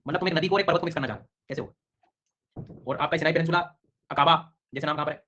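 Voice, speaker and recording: A man runs an online geography class, talking very fast and calling on students by name. His comes through as he explains and questions them. The recording is dull and lo-fi. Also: on the high side, steady tone, fairly bright tone. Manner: brisk, quizzing students by name. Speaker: teacher.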